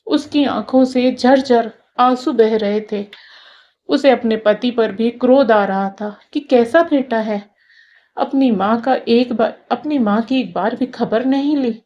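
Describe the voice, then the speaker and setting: A woman's voice: a little high, slow, darkish tone, muffled recording. A woman narrating a scripted moral story in an emotive storytelling manner.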